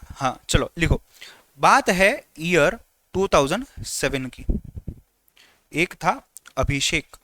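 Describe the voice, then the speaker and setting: A male teacher runs a live online class, teasing his students and repeating what they should write down. His voice sits high and swings widely in pitch. It has a bright edge and is recorded dry and close. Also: slow pace, long pauses, dry recording. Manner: lively, teasing, repeats instructions.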